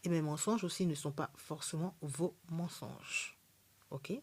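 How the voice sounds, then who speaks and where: A woman's voice: low-pitched, steady tone, a little slow, darkish tone, husky. A woman hosting a spiritual livestream, speaking French with an accent she mentions herself, in a blunt, defiant way, often checking in with the audience. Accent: non-native French accent. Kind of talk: live stream monologue. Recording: live stream.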